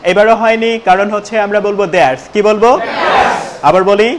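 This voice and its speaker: A high-voiced man leads a spoken English class, prompting his students over and over and slowing way down to model each sentence in call-and-response drills. The room is loud with noise and chatter as students answer in chorus.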